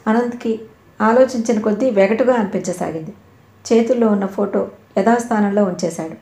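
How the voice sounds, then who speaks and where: A woman narrating an audio novel with steady storytelling. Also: medium pitch, normal speed, roomy sound.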